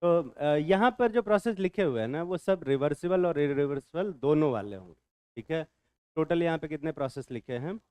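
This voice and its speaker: A man's voice: on the high side, expressive, moderate pace, darkish tone, smooth, no echo. A male chemistry teacher, lecturing a class in a bantering way, quizzing students and answering his own questions.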